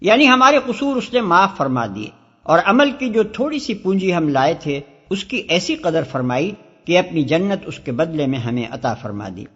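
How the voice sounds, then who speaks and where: Man reading commentary, measured and formal. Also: on the high side, very animated, fairly bright tone, slightly rough. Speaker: commentary reader. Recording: dull, long reverb.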